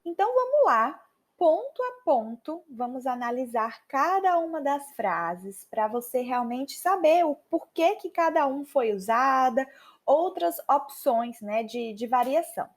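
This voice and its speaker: A Brazilian woman hosting a podcast English lesson, lively and chatty, slowing down to repeat phrases for practice. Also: high-pitched. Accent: Brazilian Portuguese. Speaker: podcast host and English teacher.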